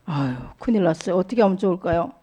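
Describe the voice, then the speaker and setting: A woman deacon giving a children's sermon, speaking slowly in a sing-song way and asking the children questions. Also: lowish voice, lively intonation, mellow.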